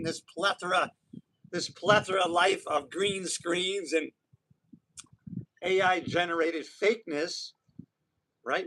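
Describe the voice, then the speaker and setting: A man's voice: fairly high pitch, sharp tone, slight background noise, low-quality recording. A man in his sixties live-streaming outdoors on an island, talking in a rambling, motivational way with many restarts. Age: 60s. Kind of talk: casual live-stream monologue. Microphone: phone or camera for a live stream.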